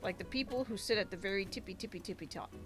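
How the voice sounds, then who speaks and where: A woman streamer rants in a casual, rambling way while she plays, piling on filler words and restarting her sentences. Her voice sits at an ordinary middle pitch for a woman. Soft game music plays quietly underneath. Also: fast talker. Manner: rambling, ranty, many filler likes. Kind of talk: casual gaming livestream commentary.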